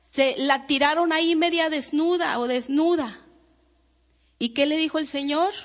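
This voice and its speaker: A woman's voice: high-pitched, a little slow, long reverb tail. A woman preacher giving a fervent sermon to her congregation, calling them brothers and sisters and acting out the prayers she quotes. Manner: dramatizes quoted prayers and speech.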